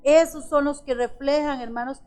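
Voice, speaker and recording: A woman preaching a sermon to her congregation. She calls them brothers, asks many rhetorical questions and slows down to stress key phrases. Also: high-pitched, fairly even intonation, darkish tone, faint music behind. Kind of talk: church sermon.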